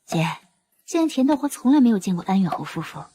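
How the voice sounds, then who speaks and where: An actress playing a vengeful young schemer in a costume drama, conspiratorial and often dropping into a whisper. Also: female voice, mid-range voice, very animated, quick pace, dark tone, husky. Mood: calculating. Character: scheming, vengeful young woman plotting murder and status.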